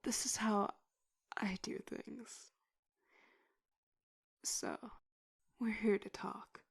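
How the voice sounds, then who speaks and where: A woman playing a stern, condescending tough-cop detective in an interrogation, in a whispered role-play with a breathy voice and slow, intimidating delivery. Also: mid-range voice, steady tone, no room sound, clean studio sound, heavily acted. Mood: coolly reassuring.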